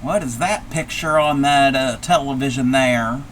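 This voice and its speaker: On a live stream, a man plays a folksy, befuddled old grandmother baffled by technology, tossing out old-fashioned exclamations. His mid-range voice is a little slow and fairly bright, close to an everyday voice, with a little hiss or hum in the recording.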